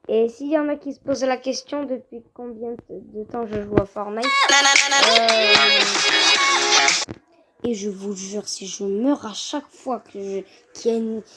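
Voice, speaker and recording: Woman, gaming creator, casual play-by-play, excitable griping gamer; mid-pitched, slightly noisy home recording. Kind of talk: casual gameplay commentary.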